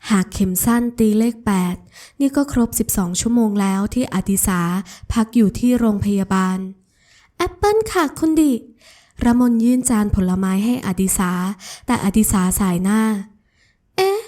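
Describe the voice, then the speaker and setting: A woman narrating an audio novel in an even, smooth storytelling manner. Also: fairly high pitch, normal speed. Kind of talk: scripted narration.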